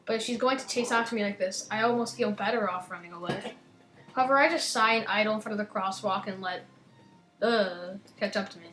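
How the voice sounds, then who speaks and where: Soft music plays behind a young female gaming host with a slight lisp as she chats casually and reads the game's text aloud, her lines frequently trailing off quietly. She speaks quickly in a mid-range voice, and the recording sounds roomy.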